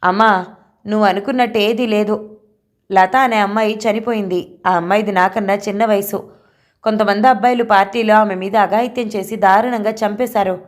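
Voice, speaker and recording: A woman's voice: medium pitch, fairly even intonation, moderate pace, lightly acted. A woman voicing a distressed young woman, a daughter who talks in a pleading, tearful way, in an audio novel.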